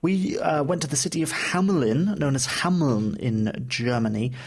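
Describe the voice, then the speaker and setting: A man's voice: fairly high pitch, moderate pace, breathy edge. A man co-hosting a casual travel podcast, chatty and playful with words, using many fillers. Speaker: co-host.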